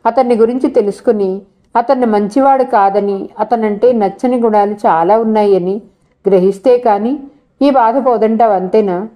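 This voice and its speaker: A moody, lovesick young woman student from a storybook reading, curt and brooding, as a woman reader puts her on. The tone is dark and mellow. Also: mid-range voice, normal speed, natural voice.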